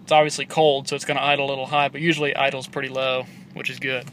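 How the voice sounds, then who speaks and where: Sitting in his parked SUV, a man vlogs a review of his CB radio at a rapid-fire clip, with a medium-pitched, level, fairly bright voice and slight background noise. He rambles loosely, swears offhand, and stumbles through many ums and restarts.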